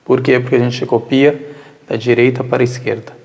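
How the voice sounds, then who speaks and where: Gravelly Brazilian man teaching with hall echo. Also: medium pitch, level tone, brisk, a little mellow. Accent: Brazilian Portuguese. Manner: rhetorical questions answered by himself. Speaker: religious teacher. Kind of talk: informal religious lesson answering questions. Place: mosque prayer hall.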